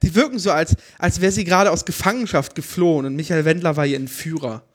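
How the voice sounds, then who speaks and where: A man's voice: on the high side, fast talker. A man co-hosting a casual chat, joking and reacting with quips. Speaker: podcast co-host.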